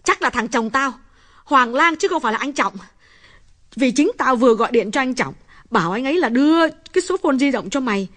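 A man reading an audiobook voices an anxious young wife who talks in rapid, shrill outbursts. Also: pushed and bright, exaggerated voice. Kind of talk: audiobook character voice.

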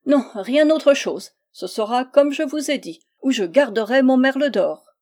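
A woman's voice: high-pitched, expressive, measured pace, a little mellow, voice pushed up. A woman reading a storybook, voicing a confident, charming young male gardener. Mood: assured.

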